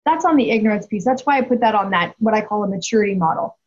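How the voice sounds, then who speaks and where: Husky woman telling an emphatic story. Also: mid-range voice, quick pace. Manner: emphatic, animated, frequent restarts. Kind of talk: candid conversational storytelling. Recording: dull lo-fi audio.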